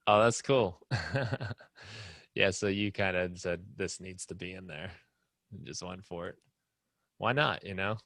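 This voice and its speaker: A man's voice: low-pitched, unhurried, vocal fry, long pauses, a bit bright, no room sound. A man hosting a live online music production class, explaining casually with many fillers and restarts.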